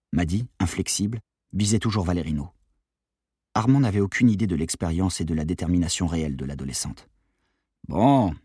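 A man narrating an audiobook in a measured, tense storytelling manner. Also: low voice, a little mellow, breathy edge, no room sound, clean studio sound.

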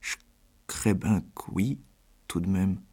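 A man's voice: lowish voice, steady tone, slow. A man voicing a stammering, tearful farm girl. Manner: soft, stammering, whimpering.

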